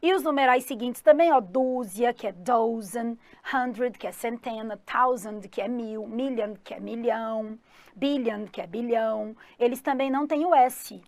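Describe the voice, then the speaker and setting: A Brazilian woman with a fairly high, darkish voice and a Brazilian Portuguese accent gives an unhurried, upbeat English exam-prep lesson, referring to herself as "the teacher" in the third person. She keeps checking in with her listeners. The audio is close and dry, with no room echo.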